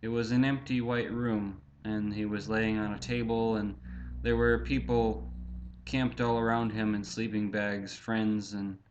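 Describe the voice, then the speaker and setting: A man recounting his own past in a halting, reflective way, full of fillers and restarts, often speaking of himself in the third person. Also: lowish voice, level tone, lo-fi sound, slight background noise. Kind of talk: personal storytelling.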